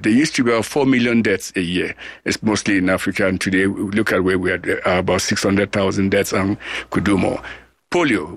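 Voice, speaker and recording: A middle-aged man from Cameroon, a global health scientist answering interview questions in an earnest, deliberate way with frequent restarts. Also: fairly low pitch, dry recording, clean studio sound.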